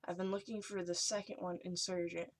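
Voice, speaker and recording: A young adult woman vlogging in a hushed, whispery voice, chatting casually as she reads and reacts to short messages. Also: fairly low pitch, flat delivery, a little fast. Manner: hushed, whispery delivery, as if sharing secrets.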